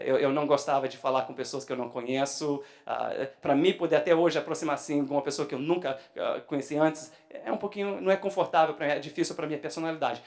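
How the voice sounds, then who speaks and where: A young man preaches in a church. His voice sits a bit high for a man. He gets carried away and his voice climbs loud whenever he gets animated. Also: vocal fry. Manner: excitable preaching, voice rising loud when animated. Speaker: pastor. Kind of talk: sermon.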